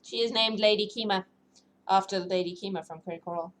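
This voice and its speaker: Chatting with viewers between novel readings, she speaks quickly in a mid-range voice with a steady tone. The giggly, informal host carries a South African, British and New Zealand mix in her accent, recorded amid clearly noisy room ambience.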